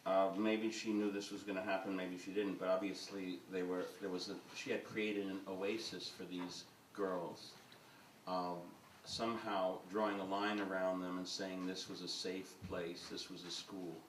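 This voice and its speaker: A film director speaks on a panel in an event hall with an audience, his low-pitched voice flat and moderately paced. He rambles, filling his talk with uhs and ums. The roomy hall is miked from afar, leaving a little hiss or hum.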